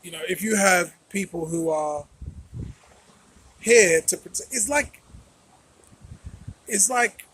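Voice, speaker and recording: A man's voice: sits high, slow, long pauses, a bit bright, breathy edge. A man hosting a political commentary channel, talking conversationally with rhetorical questions and repeated phrases.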